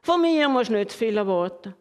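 A woman's voice: fairly high pitch, animated, a little fast, darkish tone, lightly acted. A woman voicing a cheap, broken blue pen who talks in an awkward, self-deprecating way, with long hall reverb. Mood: sheepish.

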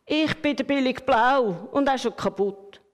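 A woman's voice: high-pitched, unhurried, voice pushed up. A woman voicing a cheap, broken blue pen who talks in an awkward, self-deprecating way, with long hall reverb. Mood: sheepish.

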